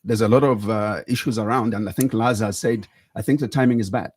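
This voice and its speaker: Low-voiced, husky Zambian male interviewer. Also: fairly even intonation, brisk. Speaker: interview host. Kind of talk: probing current affairs interview.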